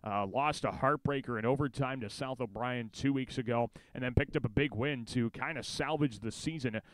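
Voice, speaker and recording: An American man hosts a football pregame show on radio. His voice is smooth and clean, recorded dry, in conversational sports commentary. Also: medium pitch, moderate pace, no echo. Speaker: sports director and play-by-play announcer.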